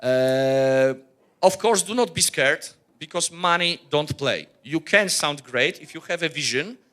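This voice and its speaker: Bright-voiced man giving a talk. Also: on the high side, animated, unhurried. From Poland. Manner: earnest, blunt, with many "uh" fillers and restarts. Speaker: workshop presenter, rock musician. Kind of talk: workshop presentation.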